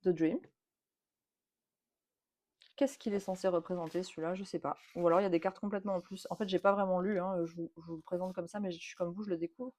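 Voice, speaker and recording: A woman's voice: on the low side, fairly even intonation, rapid-fire, few pauses, warm tone. Chatty French woman unboxing tarot decks. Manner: chatty, repeats words, many fillers. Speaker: tattoo artist and tarot channel host. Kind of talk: casual tarot deck unboxing.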